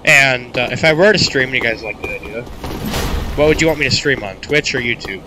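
Talking a little fast in a mid-range voice, a teenage gaming YouTuber delivers sarcastic, casual play-by-play with mock-grumpy banter. He sounds congested and coughs now and then, against a noisy background of loud game music.

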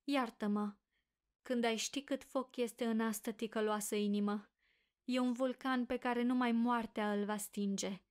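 A woman voicing a heartbroken, desperate young woman who pleads slowly and dramatically, as if through sobs. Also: a little high, steady tone, darkish tone, smooth, close to an everyday voice. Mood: pleading. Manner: sobbing, pleading, slow dramatic delivery. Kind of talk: audiobook character reading.

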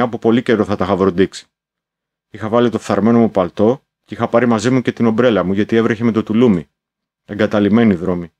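A man's voice: fairly low pitch, darkish tone, no room sound. A man reading a novel aloud as a first-person diary, in a confiding, musing manner with exclamatory asides. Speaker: audiobook narrator.

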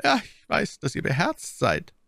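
A man putting on a stern old cardinal in a storybook reading, his voice lifted well above the reader's own and rough with gravel. He speaks slowly and deliberately, with a cold, commanding menace, in a dry, close sound. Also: fairly high pitch, big pitch swings, no room sound, voice pushed up, exaggerated voice. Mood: stern, imperious. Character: stern, imperious older male cardinal. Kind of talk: audiobook character voice.

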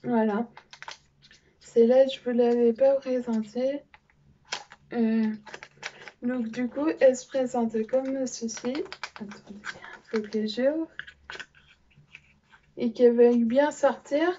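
A woman's voice: on the high side, fairly even intonation, takes it slowly, long pauses, dark tone, muffled recording, a little hiss or hum. A young French-speaking woman presenting makeup in a casual vlog, hesitant with many fillers. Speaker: beauty vlogger. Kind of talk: casual show-and-tell vlog.

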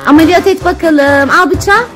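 A woman's voice: very high voice, normal speed. A woman, a mother, narrating her children's doctor play in a coaxing, teasing way. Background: background music.

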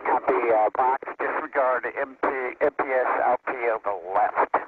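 A shuttle crew member giving terse, flat procedural readbacks over a breaking-up space-to-ground radio link. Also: male voice, medium pitch, normal speed. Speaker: shuttle crew member reading back calls. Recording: tinny crackly radio link with static.

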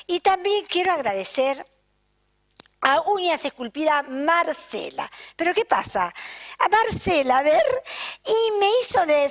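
An older woman with an Argentine accent hosts her local TV program in a high, bright voice. She chats effusively to the viewers and keeps tagging her sentences with "¿eh?". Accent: Argentine Spanish. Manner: chatty, effusive, keeps asking "¿eh?". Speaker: TV show host. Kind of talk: casual chat, thanking sponsors to camera. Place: local TV studio.

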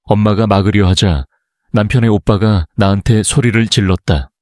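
A man narrating a family drama story in an even, scripted read. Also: on the low side, moderate pace, no echo, clean studio sound.

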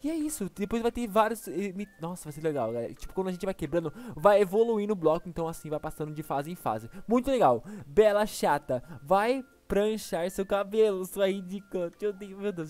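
Rapid-fire Brazilian gamer man. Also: sits high. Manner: excitable, exclaiming, laughs often. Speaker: gaming YouTuber. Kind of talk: excited gameplay commentary.

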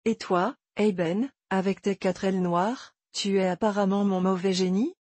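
A woman reads a dying young man in an audiobook, bitter and reproachful. The tone is warm and slightly breathy, recorded dry and close. He pushes his complaints as indignant questions. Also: medium pitch, fairly even intonation, normal speed, no room sound, natural voice. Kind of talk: audiobook character reading.

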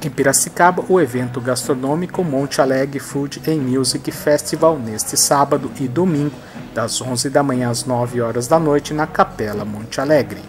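Speaking at a medium pitch and normal speed, this thirty-something host reads out event listings and birthday wishes cheerfully on a headset microphone. The background is noisy. Behind him is a plain, bright indoor wall.

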